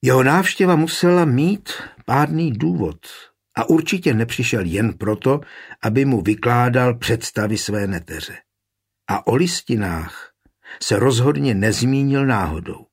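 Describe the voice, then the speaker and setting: Husky male narrator, measured historical audiobook reading, middle pitch. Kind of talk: scripted narration.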